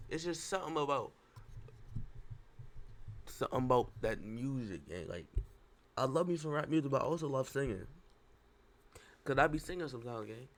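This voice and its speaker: A man's voice: mid-range voice, fairly bright tone, slight background noise. A young man reacting casually on stream, stuttering and repeating himself with heavy slang.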